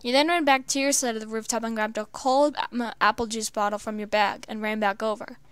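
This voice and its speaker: A woman reading fan fiction aloud, halting with many stumbles and restarts. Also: a little high, steady tone, a bit bright, clear, resonant tone, no room sound. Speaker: storyteller.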